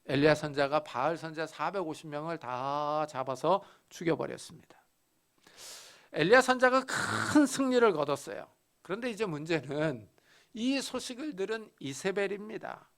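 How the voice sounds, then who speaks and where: Pastor, male, raised pitch with a gravelly edge, storytelling sermon delivery with strong emphasis. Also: expressive, a bit bright. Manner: storytelling, dramatic pauses and emphasis. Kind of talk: expository sermon.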